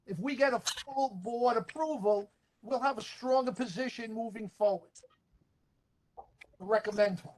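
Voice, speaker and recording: A woman's voice: a little high, a little slow, darkish tone. A woman on a meeting call who sounds muffled and far away, as if through a wall, speaking briefly and repeating herself. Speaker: board member on a call. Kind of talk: casual meeting talk.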